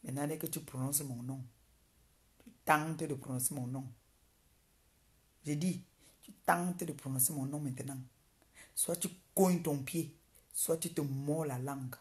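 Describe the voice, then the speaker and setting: A woman's voice: sits low, measured pace, long pauses, a little mellow. A woman on a live video, taunting someone she dislikes and repeating insults over and over. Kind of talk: mocking live-video rant.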